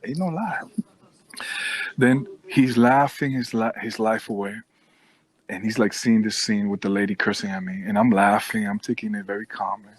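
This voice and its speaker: A man hosting a show, telling a funny work story in a casual, animated way and acting out what people said. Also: on the low side, normal speed, slightly rough, poor audio. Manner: animated, expressive, acts out quotes. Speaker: host.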